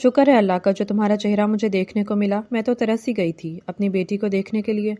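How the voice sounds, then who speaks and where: Older village mother read by a woman, affectionate, resigned, warm tone, storybook reading. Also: medium pitch, steady tone, lightly acted. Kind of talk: novel reading.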